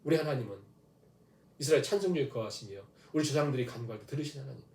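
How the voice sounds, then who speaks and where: A man's voice: mid-range voice, racing, creaky, a little mellow, roomy sound. A man preaching a dawn prayer sermon, asking rhetorical questions and leading the congregation through scripture readings. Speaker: pastor. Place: church sanctuary.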